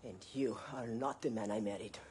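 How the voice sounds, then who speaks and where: A woman playing a long-suffering, protective mother in a video game drama, with a breathy voice and careful, formal phrasing. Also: a bass voice, normal speed, a little mellow, a little hiss or hum. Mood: defiant. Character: gentle but defiant, long-suffering mother and wife.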